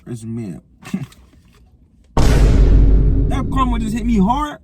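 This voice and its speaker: A man's voice: very high-pitched, wildly swooping pitch, takes it slowly, noisy background. A man vlogging a food challenge in casual, slangy chat, laughing often.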